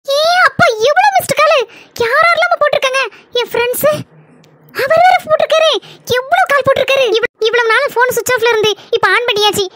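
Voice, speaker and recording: A meek but chatty young daughter in a cartoon, with a Kanyakumari Tamil accent, played by a woman. Her voice is squeaky and bright. The sound is close and dry. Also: fast talker, dry recording. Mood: chirpy. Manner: meek replies, excited chatter. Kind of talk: cartoon voice acting.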